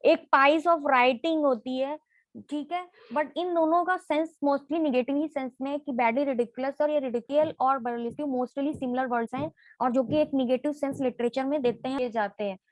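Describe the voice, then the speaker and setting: High-voiced woman teaching with repeated questions. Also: fairly even intonation, normal speed, no echo, low-quality recording. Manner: repeats each point as a question and then answers it. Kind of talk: exam-prep lesson in Hindi mixed with English.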